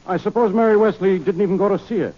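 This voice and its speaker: An actor playing a stubborn, impatient, sarcastic police inspector in a 1940s radio drama. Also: male voice, sits high, fast talker. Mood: accusing, sarcastic. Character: blustering, badgering male police inspector, stubborn and accusing. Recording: dull 1940s radio recording.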